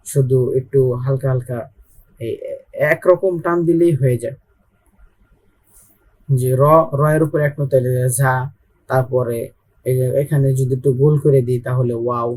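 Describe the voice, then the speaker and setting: A man's voice: mid-range voice, a little mellow. A young man with a Bangladeshi Bengali accent teaching Arabic letters in an online Quran lesson, patiently repeating and drilling each sound.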